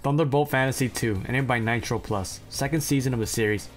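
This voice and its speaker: A man's voice: mid-range voice, quick pace, soft background music. A man narrating a ranked anime list, reading plot summaries and breaking off into blunt, profane, self-deprecating asides. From China.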